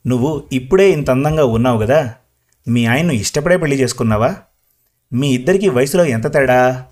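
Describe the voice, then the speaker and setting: A man's voice: mid-range voice, fairly quick, a little mellow, natural voice. A man voicing a curious young woman asking eager questions in a storybook reading.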